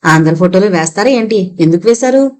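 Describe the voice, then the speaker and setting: A woman's voice: medium pitch, expressive, brisk, darkish tone, close to an everyday voice. A woman voicing a worried middle-aged wife and mother in an audiobook reading, fretful and pleading.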